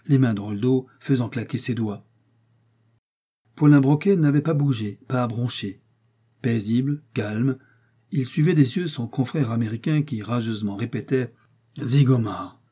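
Guy reading an audiobook, steady and descriptive, warm dark voice. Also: medium pitch, slightly rough. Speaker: audiobook narrator. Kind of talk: read-aloud novel narration.

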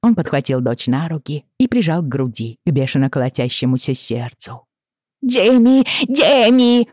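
A woman narrating a novel aloud in an expressive, dramatic reading. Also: very deep voice, fairly quick, dry recording, clean studio sound. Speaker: audiobook narrator. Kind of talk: scripted narration.

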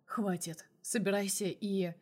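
A woman voicing a gruff, tipsy male boss who barks curt orders and then turns soft and hushed, read in an audiobook. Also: mid-range voice, steady tone, unhurried, lightly acted. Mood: curt commanding. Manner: curt, growling, drops to a hushed whisper. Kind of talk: audiobook character voice.

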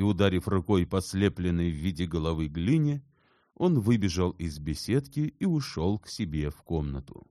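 Expressive male audiobook narrator, dry sound. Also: a bass voice, dry recording. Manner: measured, expressive reading. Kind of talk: audiobook narration of a classic novel.

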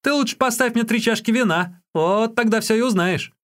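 A man voicing a cheeky young male street peddler who chatters in a high, excited voice. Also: a little fast.

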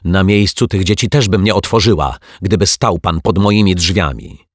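Brief: man voicing an indignant female teacher in a storybook, sharp and scolding, husky low voice. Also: moderate pace, dry recording, studio quality. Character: irritated middle-aged female teacher neighbour. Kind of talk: audiobook character voice.

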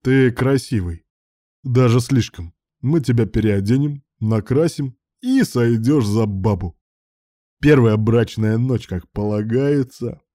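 A man's voice: medium pitch, takes it slowly, warm tone, no room sound, studio quality, lightly acted. A man voicing a drunk, sardonic young man who mocks everyone around him. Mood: mocking. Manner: sneering, sarcastic.

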